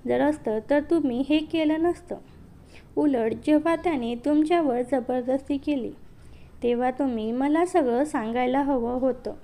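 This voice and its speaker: A woman voicing a cold, firm younger brother in a read-aloud story, in her own slow reading voice. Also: sits high, warm tone. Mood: cold insistent.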